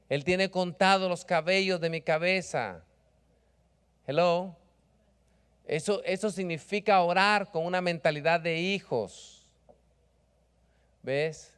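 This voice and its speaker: A man's voice: fairly high pitch, clear, resonant tone. A man preaching a sermon in a conversational way, often asking the congregation whether they follow and mixing in English words. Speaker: pastor. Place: church office.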